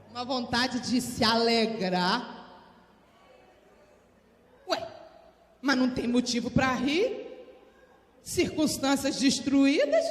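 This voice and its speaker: Woman pastor preaching, big church, long echo ringing after her. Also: on the high side. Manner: lively preaching, calls on the crowd to answer. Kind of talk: sermon. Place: large church hall. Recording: echoey church hall with long reverb.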